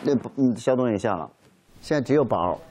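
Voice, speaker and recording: A man's voice: medium pitch, lively intonation, fast. A man chatting casually and exclaiming as a cast member of a reality show. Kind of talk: casual banter while watching a screening. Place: dim indoor lounge screening room. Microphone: clip-on lapel mic. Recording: loud music behind the voice.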